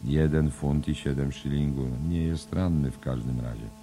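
A man voicing a kindly middle-aged man looking after a drunk friend, gentle and murmuring to himself. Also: rumbling low, normal speed, a little hiss or hum. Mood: concerned.

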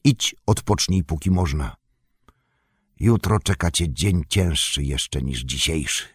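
A man's voice: extremely low pitch, lively intonation, slow, slightly rough, dry recording, studio quality, heavily acted. A man voicing a stern, commanding aging lord in an audiobook, clipped and cold. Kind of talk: audiobook reading.

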